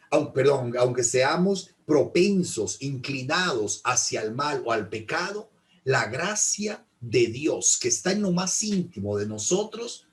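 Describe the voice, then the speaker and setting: Slow, patient priest teaching. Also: male voice, mid-range voice. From Costa Rica. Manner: explains patiently, often checks in with listeners. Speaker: priest teaching a Bible course. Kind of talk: informal Bible class lecture.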